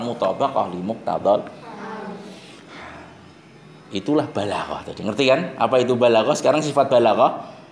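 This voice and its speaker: A man with a Javanese accent teaching a class, joking and quizzing his students with quick questions. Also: medium pitch. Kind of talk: classroom lecture. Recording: roomy classroom echo, faint noise.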